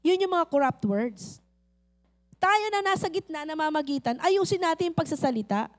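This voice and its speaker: Filipino lady pastor preaching, high voice, acts out little scenes, keeps asking the crowd hello. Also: expressive, moderate pace. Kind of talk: sermon.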